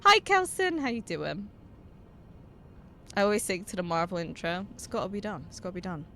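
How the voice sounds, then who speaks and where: A woman's voice: mid-range voice, animated, a little fast, bright, forceful tone, a little hiss or hum. A young woman streaming a game, chatting casually with viewers, laughing often, swearing and reading out their messages. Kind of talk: casual live-stream chat while gaming.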